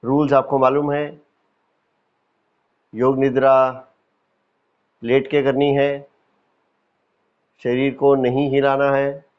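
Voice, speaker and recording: In a clean-toned, mid-range voice captured on lo-fi sound, an Indian-accented teacher guides yoga nidra. His manner is calm and instructive, marked by repetition and deliberate pauses.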